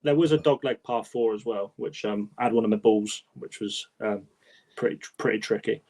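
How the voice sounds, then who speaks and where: A man's voice: fairly low pitch, normal speed, darkish tone. A man, co-hosting a casual podcast chat, talking with enthusiasm and rambling restarts. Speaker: podcast co-host.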